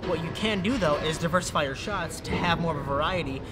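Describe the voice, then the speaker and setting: In a big indoor gym, a young adult fitness creator records a casual how-to vlog over loud music. His voice is slightly high and quick, and he explains things chattily, step by step, to a close tripod camera.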